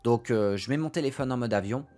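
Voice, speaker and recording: A man's voice: medium pitch, brisk, dark tone, soft background music. A young man from France recounting a personal story to his viewers, emphatic and prone to repeating phrases for effect. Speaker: streamer and video creator. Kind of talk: storytelling to camera.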